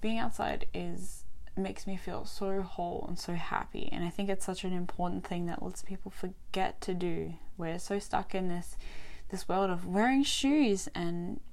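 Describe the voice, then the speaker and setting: A woman's voice: lowish voice, steady tone, normal speed, vocal fry, a little mellow. A young Australian woman with a Western Australian accent, hosting a solo podcast in a chatty way, laughing often and restarting her sentences. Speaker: podcast host.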